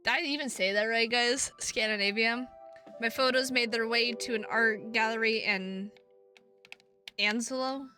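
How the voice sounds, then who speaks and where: With a bright, forceful, slightly high voice at a measured pace, a woman reads a visual novel aloud on stream. She speaks on a close mic, music playing in the background, tossing playful, goofy remarks to her viewers.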